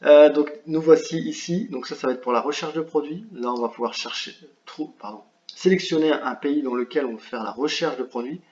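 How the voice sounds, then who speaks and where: A man giving a screen-share software tutorial, talking hesitantly with many fillers and restarts. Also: fairly high pitch, a little fast, slight background noise. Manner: apologetic about his English pronunciation. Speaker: online business tutor. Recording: roomy, slightly dull home recording.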